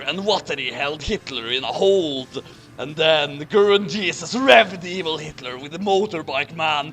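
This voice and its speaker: His voice sits high and a bit bright as he reads a fan story aloud with friends in a casual, comic session. He plays it up with exaggerated theatricality, with music behind him.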